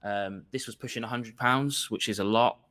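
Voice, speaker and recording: A man from England joins a video call as a guest reviewer, chatting casually and enthusiastically, with frequent restarts, repeated words and many fillers. His voice is on the low side with a fairly bright tone, and he speaks at normal speed.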